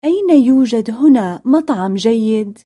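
A woman reading scripted phrasebook lines deliberately, as in a language-lesson drill. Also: fairly high pitch, lively intonation, mellow. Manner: deliberate repetition-drill delivery.

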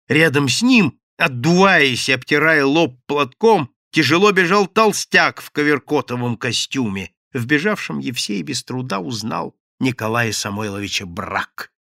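Animated, gravelly male audiobook narrator. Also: a little high, no room sound, clean studio sound. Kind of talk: expressive reading of classic satirical prose.

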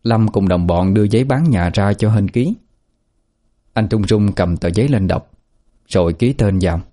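A man reading a dramatic story aloud in earnest, steady scripted narration. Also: on the low side, moderate pace.

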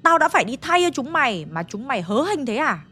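A woman voicing a possessed old woman whose hoarse, distorted voice scolds in shrill shouts as the angry spirit of a dead elder. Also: big pitch swings, a little fast, long reverb tail, full character voice. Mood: scolding.

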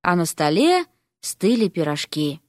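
A woman narrating a fantasy audiobook in an expressive storytelling manner. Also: lowish voice, unhurried, dry recording, clean studio sound.

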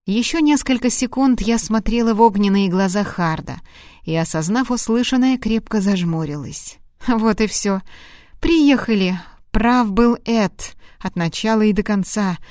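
A woman's voice: mid-range voice, moderate pace, dry recording, clean studio sound. A woman narrating a first-person novel as an audiobook reader, reading expressively. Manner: expressive, acting out dialogue.

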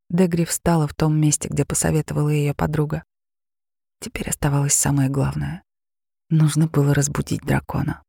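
A woman narrating a fairy tale audiobook expressively, in a low and gravelly voice. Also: no echo, studio quality. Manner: expressive storytelling, raising her pitch for the girls' lines.

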